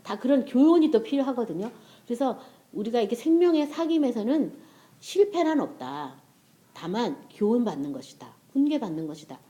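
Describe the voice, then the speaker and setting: A woman's voice: fairly high pitch, big pitch swings, moderate pace, warm tone, highs cut off. A middle-aged woman preaching a sermon in a conversational way, often checking with her listeners.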